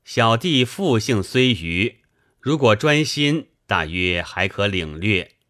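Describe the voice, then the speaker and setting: Man reading as a polite young scholar, eager to learn, slowish. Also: fairly low pitch, very animated, sharp tone, no room sound, studio quality, heavily acted. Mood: earnest. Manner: polite, earnest, inquiring. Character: earnest young male scholar, polite and curious.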